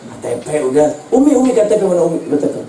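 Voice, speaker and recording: A man's voice: sits high, very animated, rapid-fire, warm tone. A man acting out a humble, grateful male student who pleads earnestly with his teacher. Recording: roomy hall, distant mic, faint noise.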